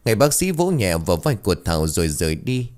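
A man narrating a ghost story in a dramatic, expressive way. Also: low-pitched, quick pace.

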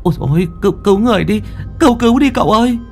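A terrified middle-aged woman scrap collector, voiced by a male narrator stammers out her pleas in a raised, strained pitch. Her words trip over each other as she begs for help. It sounds like a spoken horror story. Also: expressive, rapid-fire, gravelly, soft background music. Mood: panicked, pleading. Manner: stammering, panicky.

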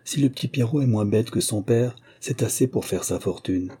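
Snappish, lamenting old female rain spirit in a fairy tale, pushed up high and loud, put on by a male narrator. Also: moderate pace, slightly rough, close to an everyday voice. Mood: scornful.

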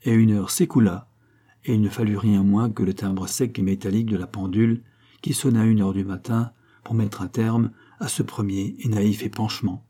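A man giving a measured, dramatic narration of a classic novel. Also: on the low side, fairly even intonation, mellow. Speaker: audiobook narrator. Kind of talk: scripted narration.

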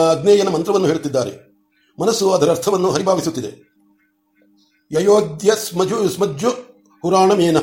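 A man reading a novel aloud at a steady pace, repeating words to fix small slips. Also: fairly high pitch. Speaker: audiobook reader. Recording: roomy echoey room.

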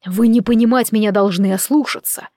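A woman voicing a cold, detached male king who speaks in clipped, measured phrases in an audiobook. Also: mid-range voice, dark tone, no echo, clean studio sound, lightly acted.

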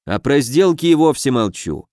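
A man voicing a stern, cold male dark mage teacher in an audiobook, speaking slowly and in a cutting way, a little lower than his own voice. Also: sing-song, dry recording, clean studio sound, lightly acted. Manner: cutting, slow and measured. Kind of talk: audiobook character voice.

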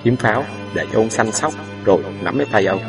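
A man reads a novel aloud in an unhurried, measured audiobook voice. He sounds a little distant from the mic, with music running underneath the whole time. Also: fairly low pitch, lively intonation. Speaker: narrator. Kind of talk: audiobook narration.

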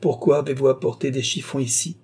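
A man reading aloud, voicing a proud, fiery and jealous young village woman in a storybook, sharp and bitter. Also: mid-range voice, quick pace, slightly rough, close to an everyday voice.

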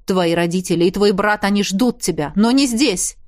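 A woman's voice: mid-range voice, moderate pace, voice pushed down, natural voice. Woman doing an urgent growling male dragon. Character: male dragon, desperate and commanding.

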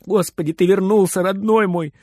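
A man voicing a frightened elderly grandmother who murmurs softly in a trembling voice in a children's story. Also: high-pitched, fairly even intonation, normal speed, no room sound, studio quality, voice pushed up, close to an everyday voice.

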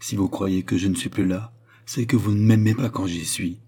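A man's voice: low voice, steady tone, normal speed, warm tone, slightly rough. A man reading an impassioned proud queen. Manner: impassioned, pleading. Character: proud anguished French queen, woman. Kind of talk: audiobook reading.

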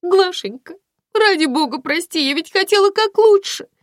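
Woman voicing a shrill, gushing young girlfriend in an audiobook, high-pitched and rushed, dry close sound. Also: expressive, no echo. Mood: tearful. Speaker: audiobook reader.

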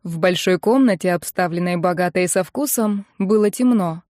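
A woman narrating an audiobook in an expressive, scripted reading. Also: lowish voice, normal speed, no echo, studio quality.

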